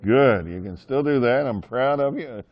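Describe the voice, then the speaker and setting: A man's voice: medium pitch, animated, moderate pace, highs cut off. A man teaching a Bible class, chatty and joking with his students and often asking them questions.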